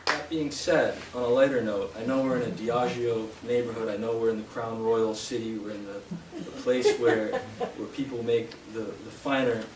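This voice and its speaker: A young man from Canada giving a live poetry reading in a bookshop, hesitant with fillers between poems and steady in his verse. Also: mid-range voice, moderate pace, few pauses. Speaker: poet. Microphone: distant from the mic. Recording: roomy, distant, noisy live room sound.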